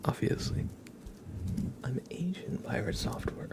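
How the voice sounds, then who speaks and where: A man hosts an ASMR livestream, chatting with viewers in a breathy whisper mixed with soft, creaky speech. His manner is gentle, unhurried, and playful.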